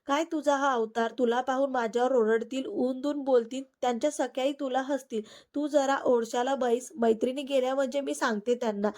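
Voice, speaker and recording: A woman's voice: sits high, fairly even intonation, a little fast, few pauses, a little mellow, natural voice. A woman voicing a nervous palace maid who questions a stranger. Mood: questioning. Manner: questioning, then humble.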